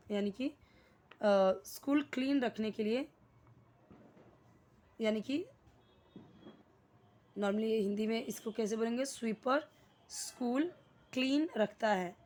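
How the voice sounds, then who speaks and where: A young woman with an Indian English accent, teaching an English grammar lesson. She explains slowly, asks the class questions and repeats key words. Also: fairly high pitch, darkish tone.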